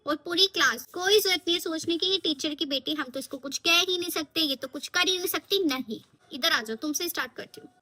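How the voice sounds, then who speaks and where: A woman's voice: very high-pitched, fairly quick, few pauses, pushed and bright. A woman playing a strict, scolding teacher and mother in a comic skit. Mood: stern. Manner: scolding, bossy.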